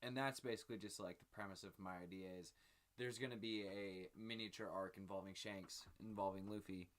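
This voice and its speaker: Bright-voiced man rambling casually. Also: low voice, fairly even intonation, brisk. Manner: rambling, filler-heavy, speculative. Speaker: channel host. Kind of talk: casual sit-down discussion.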